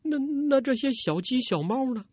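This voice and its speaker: A man's voice: very high-pitched, expressive, normal speed, a little mellow, dry recording, highs cut off, pitched above the performer's own voice. A man voicing a worried young wife who pleads anxiously.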